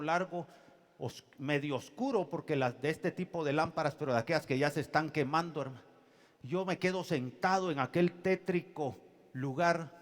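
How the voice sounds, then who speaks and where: Pastor preaching in a reverberant hall. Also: male voice, fairly high pitch. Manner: swings from loud preaching to quiet storytelling. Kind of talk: sermon. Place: church.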